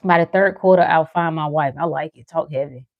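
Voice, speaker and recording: Woman life coach, lowish voice, playful and animated, laughs often, dry close sound. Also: brisk, dry recording, lo-fi sound. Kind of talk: casual motivational talk.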